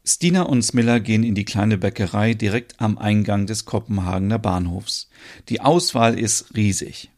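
A man narrating his own podcast soap opera in a calm storytelling manner. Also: on the low side, moderate pace. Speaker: narrator and creator.

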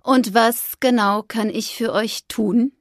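A woman voicing a grumpy male magpie in a children's story, speaking slowly and grumbling. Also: fairly high pitch, no room sound, clean studio sound. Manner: slow, grumbling, sour.

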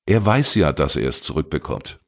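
A man's voice: rumbling low, sing-song, moderate pace, gravelly, full character voice. A man reading a crime story voices a teenage boy who pleads and eagerly justifies himself. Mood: defensive. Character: teenage boy, defensive and talkative.

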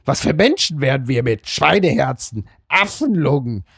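A man reading a newspaper column aloud in a put-on voice of a dopey cartoon dad, slow and mock-solemn. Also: medium pitch, sing-song, creaky, fairly bright tone, breathy edge, no room sound, clean studio sound, exaggerated voice. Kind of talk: comic read-aloud in a put-on voice.

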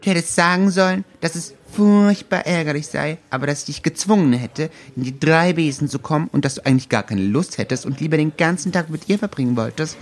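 A man's voice: fairly high pitch, fairly quick, few pauses, voice pushed up, close to an everyday voice. A clever teenage girl explains things with unbearable patience, as a man puts her on in a raised voice. She sounds a little condescending, like someone walking a child through simple sums. It is an amateur read-aloud of a book scene. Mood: patient lecturing.

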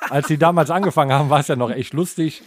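Relaxed, opinionated podcast man, dry mic. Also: fairly high pitch, racing, no room sound. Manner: relaxed, opinionated, many hesitation fillers. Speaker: podcast co-host. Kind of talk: casual chat.

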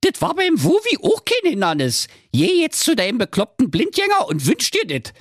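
A man's voice: extremely high pitch, huge pitch swings, normal speed, dry recording, studio quality, voice pushed up, full character voice. A man voicing a greedy, lazy wife who nags and insults her husband. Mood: threatening. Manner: bossy, insulting, crude. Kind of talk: comic fairy tale reading.

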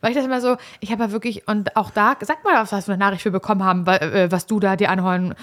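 A woman's voice: mid-range voice, steady tone, fast. A woman co-hosting a podcast in casual chat, joking back and forth and now and then breaking into snatches of song. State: stuffed from eating. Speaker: podcast co-host.

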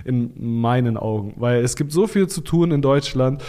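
Male podcast guest, mid-pitched, blunt and casual, lots of restarts and fillers. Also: expressive, moderate pace, warm tone. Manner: informal, blunt advice with frequent restarts and fillers. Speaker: podcast guest, Amazon seller consultant. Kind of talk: casual expert interview talk.

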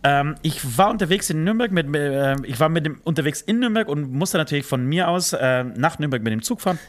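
A man's voice: fairly high pitch, lively intonation, fairly quick. A man chatting casually in German, telling stories with many fillers, restarts and teasing asides. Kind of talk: casual chat.

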